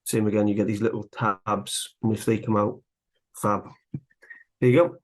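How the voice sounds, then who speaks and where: Male carving instructor, low and even, relaxed and chatty while working. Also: moderate pace. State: slightly out of breath. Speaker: woodcarving instructor. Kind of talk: live carving tutorial.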